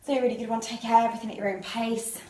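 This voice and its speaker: A woman's voice: a little high, steady tone, racing, darkish tone, roomy sound. A woman leading a live home workout, chatty and a little out of breath, laughing at her own slips while she demonstrates the moves. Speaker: fitness instructor. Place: living room.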